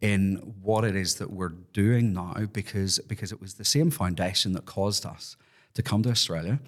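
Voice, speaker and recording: Low-voiced Irish man in conversation. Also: normal speed. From Ireland. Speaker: podcast guest, ministry worker. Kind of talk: conversational interview.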